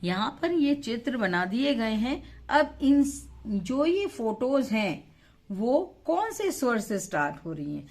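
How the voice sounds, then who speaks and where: Slow, animated woman teacher. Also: a little high. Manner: slow, patient, asks questions then answers them; stretches vowels to model pronunciation. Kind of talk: instructional lesson.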